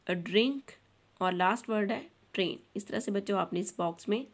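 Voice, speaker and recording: A woman tutor with a Pakistani accent, going through a textbook lesson for children. She reads each English line slowly and then explains it in Urdu. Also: medium pitch. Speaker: online tutor.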